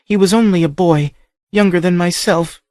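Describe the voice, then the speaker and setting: A male audiobook narrator voices a desperate young noblewoman held captive, raising her voice well above his own yet keeping it natural. She pleads in a breathless, urgent, grieving rush at a moderate pace with a steady tone, recorded close and dry without any room sound.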